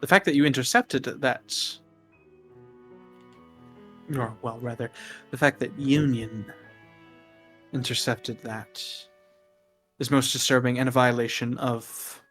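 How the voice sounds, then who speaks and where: A man voicing an indignant female corporate representative of a colony, formal and measured in a tabletop game. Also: mid-range voice, fairly even intonation, a bit bright, faint music behind.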